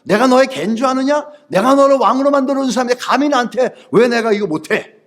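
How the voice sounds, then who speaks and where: Scheming, indignant ancient general, high male voice, blustering scolds, acted by a pastor. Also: fast.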